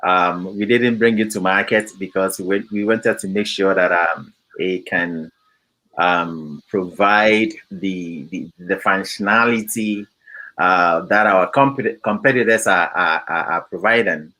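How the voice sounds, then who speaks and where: Slow, bright-voiced man from Ghana. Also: low voice, low-quality recording. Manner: measured, hesitant, many fillers. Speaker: company founder. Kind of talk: interview answers, explaining a product.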